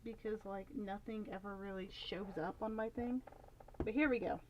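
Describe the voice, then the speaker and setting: A woman's voice: medium pitch, steady tone, moderate pace. Rambling young woman streaming her drawing. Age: young adult. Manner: rambling, filler-heavy, thinking aloud. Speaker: art streamer. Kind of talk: casual live-stream chat while drawing. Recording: slightly dull lo-fi audio with faint noise.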